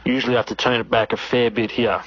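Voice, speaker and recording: A man's voice: medium pitch, level tone, quick pace, fairly bright tone, slightly rough, no room sound. A man with an Australian accent chatting casually on a show. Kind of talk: casual chat. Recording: dull lo-fi radio sound.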